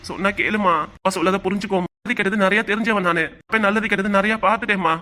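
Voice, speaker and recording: A man's voice: high voice, fairly even intonation, sharp tone. A man playing a worried, widowed older father in a cartoon, pleading with his daughter in a southern Tamil dialect. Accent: Tamil, southern Tamil Nadu dialect. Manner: pleading, emotional, fast-talking.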